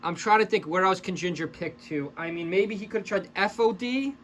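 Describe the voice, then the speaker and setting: A man giving casual, excitable play-by-play commentary over fighting game footage, breaking off into chatty asides to his viewers. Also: sits high, a little fast, a little hiss or hum. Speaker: esports commentator and channel host.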